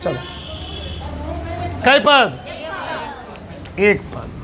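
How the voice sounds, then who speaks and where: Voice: medium pitch, big pitch swings, drawn-out words, crowd noise, noisy background. A teacher giving a classroom maths lesson, asking the students question after question in a coaxing, teasing way.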